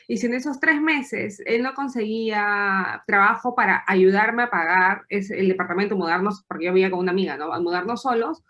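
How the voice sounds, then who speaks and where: A woman from Peru in her thirties, a podcast guest telling her story in a lively, chatty way with occasional laughs. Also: medium pitch. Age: 30s. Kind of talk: casual interview storytelling.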